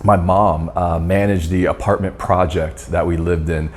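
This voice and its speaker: A man's low, steady, darkish voice moves a little slowly over slight background noise. He's a guest speaker on dental marketing, telling stories to course members earnestly and often restarting what he says.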